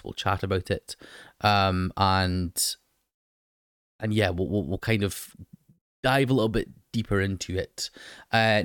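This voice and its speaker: A man hosts a solo podcast with a hoarse, croaky voice that sits fairly low. He chats loosely and talks straight to his listeners, filling pauses with ums. The sound is dry and close. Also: no echo. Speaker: podcast host. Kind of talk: casual solo podcast chat.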